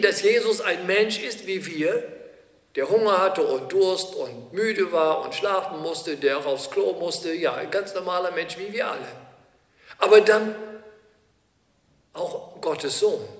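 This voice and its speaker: A man preaching a sermon in an earnest manner, asking many questions. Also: sits high. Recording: echoey hall with long reverb.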